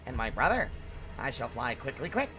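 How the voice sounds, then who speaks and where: A man's voice: medium pitch, very animated, moderate pace, bright, forceful tone. A man voicing a meek, polite little male bug in a video game, speaking in quaint inverted phrases. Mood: grateful. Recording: game music behind.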